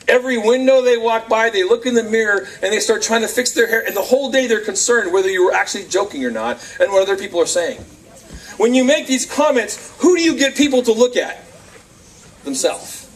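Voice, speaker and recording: A man giving a lively youth sermon, acting out quotes and laughing often, recorded on a camcorder from across the room. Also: very high-pitched. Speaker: youth speaker. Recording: distant camcorder sound, faint crowd.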